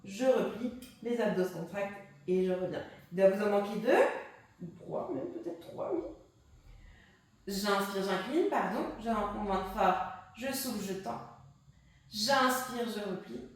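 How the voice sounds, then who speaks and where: A woman's voice: medium pitch, measured pace. A woman teaching a pilates class, guiding breathing and counting repetitions while she does the exercises herself. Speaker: pilates instructor. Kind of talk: guided workout instruction. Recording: echoey room, distant mic.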